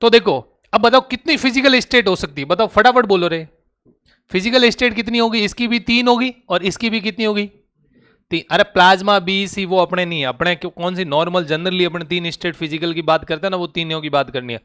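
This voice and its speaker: High-voiced man drilling a class. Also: a bit bright, clean tone. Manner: drills students with rapid questions; coaxing, calls students "beta". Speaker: teacher. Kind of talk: classroom lecture.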